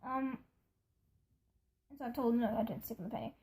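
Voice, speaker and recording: With music in the background, a young person tells a casual vlog story, rambling, indignant and imitating what others said. This storyteller's voice is medium in pitch, a little mellow and a little fast.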